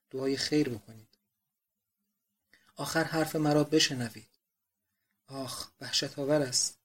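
A man voicing a young countess, pleading and despairing in a quiet, subdued voice as she mourns her father in a read-aloud novel. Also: medium pitch, lightly acted. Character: grieving remorseful countess, young woman.

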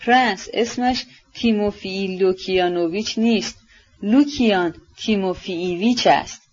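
A woman's voice: mid-range voice, a little mellow, husky, lightly acted. A mocking young man with a jeering, scornful edge, as a woman narrator reads him. He sounds a little dull and lo-fi, as on an old audiobook recording.

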